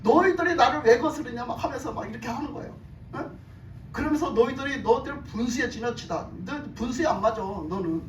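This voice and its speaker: A woman's voice: fairly high pitch, expressive, brisk, slight background noise, close to an everyday voice. A woman voicing an exasperated elderly male prophet who scolds in disbelief, heard with room echo from afar. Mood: scolding. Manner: scolding, incredulous. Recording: echoey hall from a distant mic.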